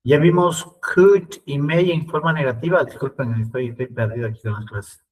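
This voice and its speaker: A man teaching an online English class, speaking slowly and repeating words for his students to copy. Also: mid-range voice, recorded from a distance, low-quality recording.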